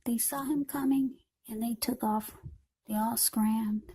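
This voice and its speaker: Addressing the viewer in short, broken phrases with repeated words, a tarot reader gives a casual reading. Her fairly high voice is very husky and breathy, mellow and soft-edged, holding a steady tone at a slightly slow pace.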